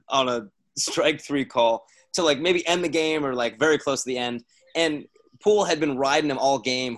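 A man co-hosting a podcast, telling a baseball story in a casual, animated way. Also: mid-range voice. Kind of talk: casual chat.

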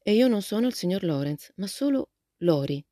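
A woman voicing a shy, courteous teenage boy in a storybook reading, speaking politely and softly. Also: medium pitch, expressive, normal speed, no room sound, clean studio sound, lightly acted.

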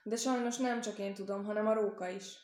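A woman's voice: medium pitch, steady tone, darkish tone, echoey room, close to an everyday voice. A woman voicing a clever, helpful male rabbit in a storybook reading, earnest and persuasive. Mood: advising.

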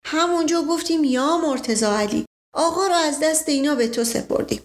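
A woman's voice: high voice, pitched above the performer's own voice, close to an everyday voice. A woman voicing a simple, boastful old male servant who tells folksy stories.

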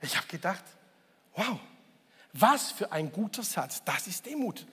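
A man's voice: high-pitched, very animated, measured pace, fairly bright tone, husky, in a large hall. A man preaching a Sunday sermon as pastor, talking conversationally, asking the congregation questions and repeating key phrases for emphasis.

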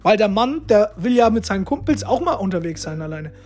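A man's voice: sits high, sing-song, a little fast, darkish tone, soft background music. Chatty man giving relationship tips. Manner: chatty, repeats himself, tags lines with "ja?" and "ne?". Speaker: relationship-advice vlogger. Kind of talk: casual advice monologue to viewers.

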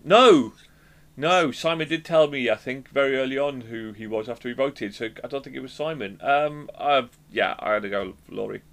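A man's voice: mid-range voice, moderate pace, fairly bright tone. A middle-aged man co-hosting a casual chat, laughing often and restarting his sentences. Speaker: podcast co-host.

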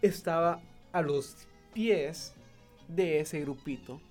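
A young man, casually telling a lively story and acting out the people in it. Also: a little high, takes it slowly, faint music behind. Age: young adult. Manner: animated, acts out voices of people in his story.

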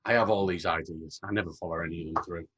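A man's voice: sits low, fairly even intonation, quick pace, fairly bright tone, husky, dull audio. A man co-hosting a podcast, chatting casually and joking as he rambles. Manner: joking, rambling, laughs often. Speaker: podcast co-host. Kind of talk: casual chat.

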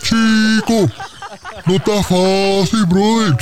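Puerto Rican man, tall-tale radio comic, boastful and animated. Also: high-pitched, drawn-out words, soft background music. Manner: boastful, animated, exaggerating with sound effects.

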